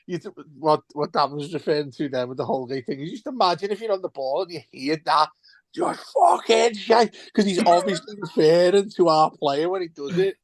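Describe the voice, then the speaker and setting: A high-voiced man co-hosts a casual football podcast, trading banter and telling stories full of swearing, laughter, and stumbling restarts. There's no room sound on the recording.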